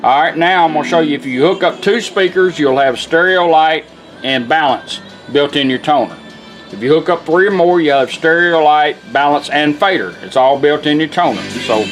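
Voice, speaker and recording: A radio restorer gives an informal, folksy product demonstration, explaining how things work as he goes. His voice is on the high side, and the recording is rough.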